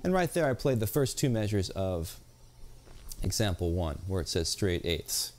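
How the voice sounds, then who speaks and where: A man's voice: sits low, sing-song, normal speed. A man giving a jazz guitar video lesson, explaining patiently and counting beats aloud. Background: guitar playing between explanations.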